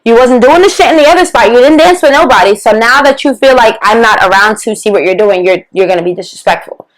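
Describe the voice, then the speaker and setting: A woman's voice: fairly high pitch, animated, quick pace, rough recording. Woman telling a profane, heated story. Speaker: guest podcast co-host. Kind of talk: animated storytelling, casual podcast chat.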